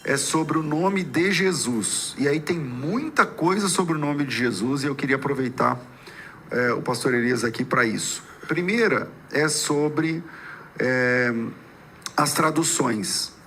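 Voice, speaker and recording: A man hosting a podcast debate as a pastor, laying out a topic in measured, halting questions. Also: on the high side, a bit bright, a little hiss or hum.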